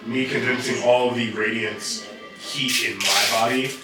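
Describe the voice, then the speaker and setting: A man's voice: medium pitch, fairly even intonation, a little slow. Male player, long-winded planner, roomy distant sound. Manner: explains plans at length. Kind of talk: casual tabletop game talk. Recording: echoey room, far from mic, music behind.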